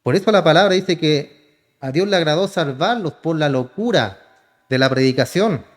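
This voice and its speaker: A man's voice: fairly high pitch, animated, normal speed. A man, a pastor preaching a sermon, often calling listeners "hermano" and answering his own questions. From Chile. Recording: church hall reverb.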